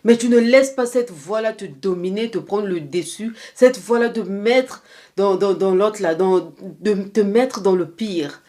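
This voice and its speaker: A woman's voice: medium pitch, measured pace, mellow. A young woman vlogger talking straight to her viewer, giving earnest, repetitive life advice with a touch of faith. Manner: faith-tinged encouragement. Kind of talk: casual motivational talk to camera.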